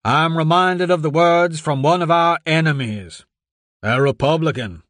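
A man voicing a male senator delivering a slow, raised speech to a crowd at a rally. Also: a little high, a bit bright, dry recording, studio quality, voice pushed up. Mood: oratorical.

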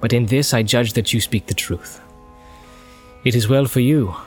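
Man reading as a grave noble captain, slow formal words, mid voice. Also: medium pitch, faint music behind, lightly acted. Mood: solemn. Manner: measured, formal and solemn. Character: grave noble male captain, stern and just. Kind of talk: audiobook character voice.

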